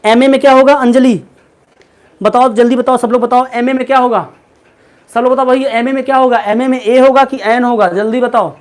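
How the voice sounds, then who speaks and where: A man's voice: very high voice, steady tone, brisk. A male English teacher giving a live online class, repeating questions and calling on students by name and pet name. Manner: keeps quizzing students, repeats questions, calls them by name and pet names.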